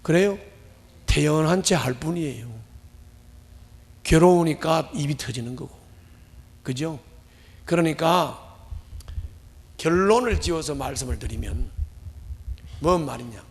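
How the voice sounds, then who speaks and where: High, gravelly pastor preaching passionately. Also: male voice, measured pace, long pauses. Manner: emotional, swings between loud outbursts and hushed lines. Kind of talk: impassioned sermon. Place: church sanctuary. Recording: long hall reverb.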